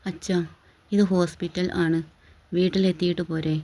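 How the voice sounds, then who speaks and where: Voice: mid-range voice, level tone, moderate pace, mellow, natural voice. A storyteller reading the lines of a frightened, devoted young daughter in a storybook, in a level, unchanging voice. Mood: pleading. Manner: pleading, soothing.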